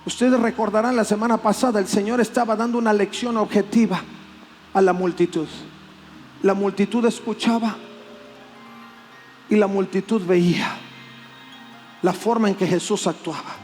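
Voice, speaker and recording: A man preaching a sermon as pastor, animated and acting out plaintive voices. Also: sits high, moderate pace, long pauses, faint music behind. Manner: animated, acts out voices of complaint.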